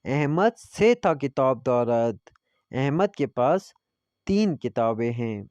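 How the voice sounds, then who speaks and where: A man's voice: medium pitch, big pitch swings, darkish tone, no room sound. Man teaching Persian, muffled recording. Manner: reads Persian phrases slowly, then explains them in Urdu. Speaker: language teacher. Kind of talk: classroom lesson explanation.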